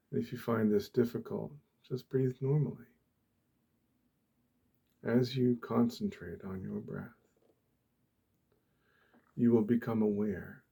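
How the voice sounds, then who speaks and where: A soft-spoken man leads an ASMR-style meditation in a low, mellow, hushed and breathy voice. He speaks very slowly, gently and deliberately, with long pauses and a steady tone.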